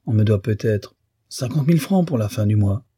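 A man's voice: fairly low pitch, expressive, normal speed, dark tone, slightly rough, no room sound, studio quality. A man voicing a ruined middle-aged businessman who pleads urgently for a loan. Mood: pleading.

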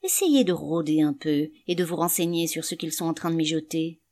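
A woman's voice: low voice, fairly quick, dark tone. A woman doing a scornful grumbling canvasser. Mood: indignant. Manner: indignant, sneering. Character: grumbling scornful middle-aged Irish male canvasser. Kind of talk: audiobook reading.

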